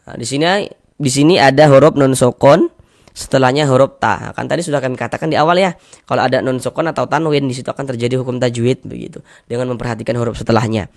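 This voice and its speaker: A man teaching Quranic recitation rules, explaining patiently, repeating each rule and slowly drawing out the recited syllables. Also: mid-range voice, creaky. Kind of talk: tajwid lesson with recited examples.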